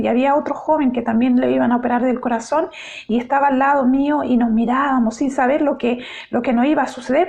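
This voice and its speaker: A middle-aged woman, giving a heartfelt personal faith testimony in a halting way with many restarts. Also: sits high, vocal fry, darkish tone. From Chile.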